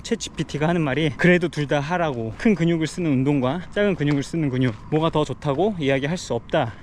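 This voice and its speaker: Male fitness vlogger, slightly high voice, explaining casually while running outdoors, faint street noise. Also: quick pace. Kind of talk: casual explanatory vlog talk.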